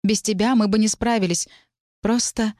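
A woman's voice: mid-range voice, fairly even intonation, moderate pace, mellow, no echo, voice pushed up, lightly acted. An earnest young woman, voiced by a woman narrator, speaks in a raised, pleading voice. Her voice sits a little above the reader's own. The recording is dry.

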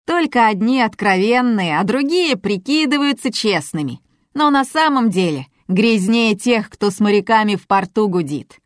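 A woman reading the part of a crude, contemptuous man who talks slowly and bluntly. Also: medium pitch, animated, no room sound, clean studio sound, lightly acted. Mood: scornful.

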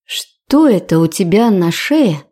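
A woman's voice: mid-range voice, expressive, mellow. Woman doing a stern motherly older mentor. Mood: firm motherly. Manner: scolding, measured, firm.

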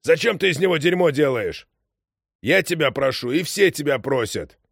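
A man putting on a stubborn old sailor, pitched well above his usual voice and swinging hard in tone, reproaching his captain with a scolding push. dry, close sound with no room around it. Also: expressive, normal speed, vocal fry, fairly bright tone, breathy edge, no echo, heavily acted. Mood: pleading. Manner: scolding, insistent, raised voice. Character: old gruff male ship's engineer, stubborn and moral.

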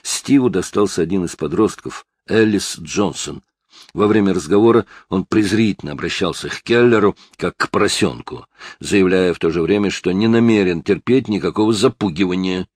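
A man reading a crime novel aloud as an audiobook narrator, in an even storytelling manner. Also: sits low, normal speed, breathy edge, no room sound, clean studio sound. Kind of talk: scripted narration.

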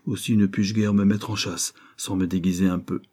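Brief: a man playing a commanding detective, mellow and husky, dry and assured, storybook reading. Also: sits low, level tone, normal speed. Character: calm amused male detective, cool and commanding.

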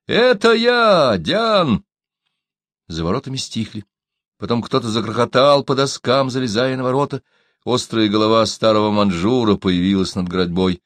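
A man narrating an audiobook of a novel in an expressive, dramatic reading style. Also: on the low side, a little fast, dry recording.

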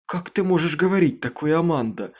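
A man's voice: fairly high pitch, lively intonation, brisk. Guy doing a wounded young girl, pleading and breathless, raised voice. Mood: hurt pleading.

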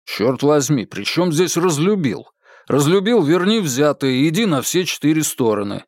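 A man voicing a hot-tempered, gruff big man in an audiobook. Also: on the high side, big pitch swings, moderate pace, no echo, clean studio sound, voice pushed up. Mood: angry. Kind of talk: audiobook character voice.

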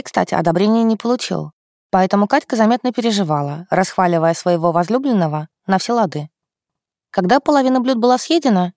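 A woman reading a novel aloud in the first person, in a smooth, even storytelling manner. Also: mid-range voice, no echo, studio quality. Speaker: audiobook narrator. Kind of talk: first-person audiobook narration.

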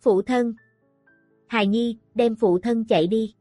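A woman's voice: fairly high pitch, fairly even intonation, unhurried, mellow, no echo, soft background music. A woman voicing a young male swordsman, tense and bitter, torn about his father. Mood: anguished. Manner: tense, outbursts of anger.

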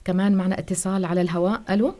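A woman's voice: mid-range voice, steady tone, very fast, warm tone. A woman hosting a call-in show, giving short prompts and greeting callers on air. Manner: brief prompts and acknowledgements. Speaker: program host taking calls.

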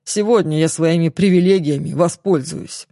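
Lady reading as a cocky young guy in an audiobook, low quiet mocking voice, dry close sound. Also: normal speed, creaky, no echo. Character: brash arrogant young man, mocking.

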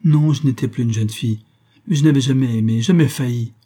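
A man's voice: mid-range voice, level tone, normal speed, darkish tone, slightly rough. A man reading an audiobook, voicing a desperate older woman who pleads with her lover and reproaches him plaintively. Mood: pleading, wounded. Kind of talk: audiobook character voice.

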